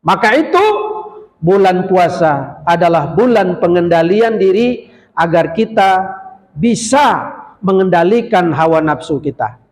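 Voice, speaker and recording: Slow-spoken man preaching in an echoing hall. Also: sits high, expressive, darkish tone. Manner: storytelling, addresses the audience directly. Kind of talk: short Ramadan sermon. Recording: long hall reverb.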